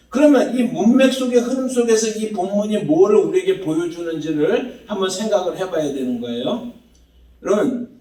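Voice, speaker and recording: Animated, high-voiced preacher in an echoey church. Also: male voice. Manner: animated, conversational preaching with rhetorical questions. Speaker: pastor. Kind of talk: sermon. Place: church sanctuary. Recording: roomy church hall, mic at a distance.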